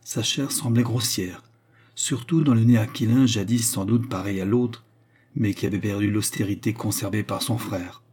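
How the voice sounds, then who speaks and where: A man reading a novel aloud in a slow, measured narration. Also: lowish voice, a little mellow, breathy edge. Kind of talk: audiobook narration.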